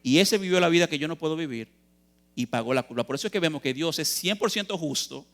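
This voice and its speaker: A man's voice: a little high, animated, quick pace, vocal fry, fairly bright tone. A man preaching a youth sermon in a church, earnest and emphatic, posing questions and answering them, calling his listeners brothers.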